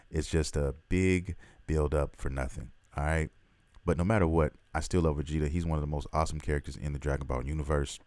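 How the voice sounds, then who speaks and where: A man with a very deep voice hosts a casual vlog and rambles with excitement, swearing freely. His voice sounds dry and close, with little room around it. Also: dry recording. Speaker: host.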